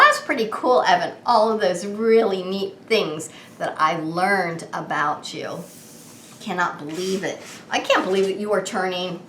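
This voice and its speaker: A woman's voice: medium pitch, a bit bright. A woman hosting a children's birthday greeting with exaggerated, sing-song party enthusiasm, asking questions and answering as if the child had replied. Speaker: children's show host. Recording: echoey room with faint background noise.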